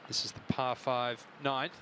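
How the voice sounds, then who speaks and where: A man's voice: mid-range voice, flat delivery, measured pace, bright, forceful tone, slight background noise. A man giving live television golf commentary as a commentator.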